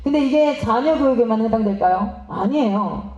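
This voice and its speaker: A woman missionary giving a lively seminar talk, asking the audience questions and acting out parents and children. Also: a little high, normal speed. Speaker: missionary speaking at a teachers' seminar. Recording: roomy, slightly dull hall recording.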